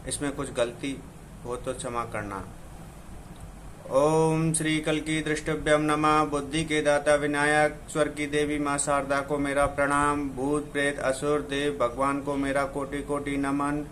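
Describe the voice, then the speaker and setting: A man reciting his own devotional poem, with reverent, measured chanting of mantras and lists. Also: a little high, flat delivery, a bit bright, slight background noise. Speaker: poet reciting.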